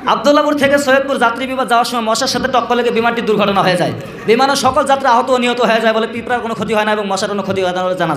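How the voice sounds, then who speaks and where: Man playing a high-pitched, fast-talking parody news anchor. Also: fairly bright tone. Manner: mock-formal, rattled-off news delivery. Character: parody news anchor reading absurd bulletins, mock-serious. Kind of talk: parody news bulletin, performed on stage. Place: echoey room or hall at a madrasa event. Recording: echoey event-hall recording.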